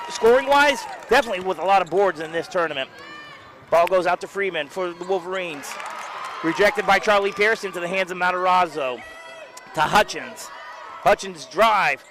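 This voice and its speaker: A man calling a high school basketball game play by play from courtside, quick calls that jump up on big plays. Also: background noise. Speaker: play-by-play announcer. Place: courtside at a gym.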